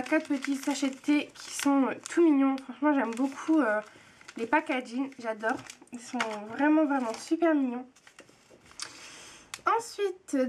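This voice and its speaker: In a casual unboxing chat, a young female blogger gushes about a tea box, hesitating often. Her voice is high-pitched, and there is a little hiss or hum.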